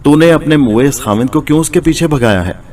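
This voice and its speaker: A man voicing a loud-mouthed, easily panicked potter's wife in a storybook tale, in a high, shrill voice. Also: animated, brisk, close to an everyday voice.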